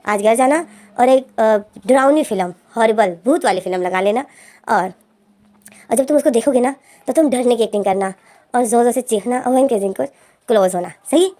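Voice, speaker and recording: A woman's voice: fairly high pitch, brisk, dark tone, close to an everyday voice. A woman voicing a young man's sly, scheming friend, talking in a coaxing, conspiratorial way.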